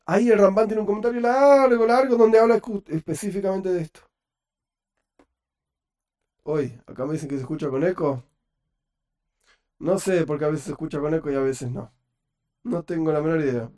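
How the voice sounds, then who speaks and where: A man with a Rioplatense Spanish accent leads a live online Torah class, his voice sitting a little higher than most men's. He talks fast and lively, breaking in with joking asides, picked up by a computer microphone. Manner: quick, animated, joking asides. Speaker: Torah teacher.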